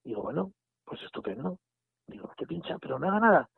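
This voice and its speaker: A man, telling a story in a casual, animated way and acting out the dialogue. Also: a little high, fairly quick, gravelly, husky, dry recording. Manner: animated retelling with quoted dialogue and restarts. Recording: phone line audio.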